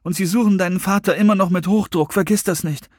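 Male narrator playing a sleepy, skeptical young woman, matter-of-fact, pitched up. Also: fairly even intonation, quick pace, dry recording, studio quality. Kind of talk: audiobook character voice.

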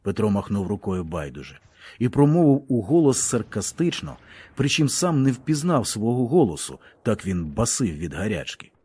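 Expressive male audiobook narrator. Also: lowish voice, moderate pace, husky. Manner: expressive storytelling. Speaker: audiobook reader. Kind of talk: scripted narration of a novel.

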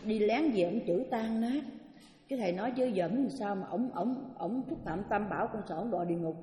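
A woman's voice: medium pitch, fairly quick. Southern Vietnamese woman teaching in echoing hall. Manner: lively storyteller, questions the audience. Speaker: Buddhist teacher. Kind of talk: dharma talk with anecdotes. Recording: echoey hall with long reverb.

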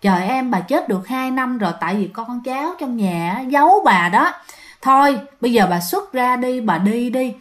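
A woman voicing a calm old male spirit healer who speaks firmly and plainly in a ghost story. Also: fairly high pitch, moderate pace.

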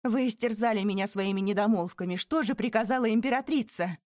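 Woman reads a frantic pleading banker, high-strung, mellow tone. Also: moderate pace, no room sound, clean studio sound, close to an everyday voice. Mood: panicked. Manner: frantic, rising, exclaiming. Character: terrified older male banker, pleading.

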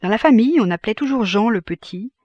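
A woman's voice: fairly high pitch, animated, quick pace, darkish tone, dry recording, lo-fi sound. Woman reading an audiobook, dry close sound. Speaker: audiobook narrator. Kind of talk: scripted narration.

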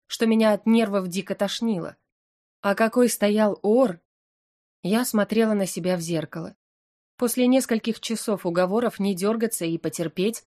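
Woman reading a story in first person, middle pitch, anxious wry expressive delivery. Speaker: audiobook narrator. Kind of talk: first-person audiobook narration.

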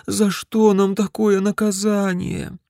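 A man voicing a bossy, sharp-tongued middle-aged wife who scolds and commands her husband. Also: high-pitched, flat delivery, takes it slowly, vocal fry, no echo, studio quality, pitched above the performer's own voice, exaggerated voice. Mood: concerned.

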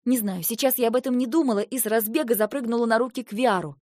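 A woman narrating a fantasy novel in the first person, with an expressive, emotional delivery. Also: fairly high pitch, fast, dry recording, clean studio sound. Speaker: audiobook narrator.

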